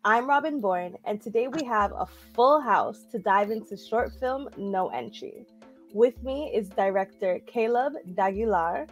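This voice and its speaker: A woman from Jamaica raised in Canada, hosting an interview in an upbeat, chatty way. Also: medium pitch. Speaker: interview host. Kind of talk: talk show interview.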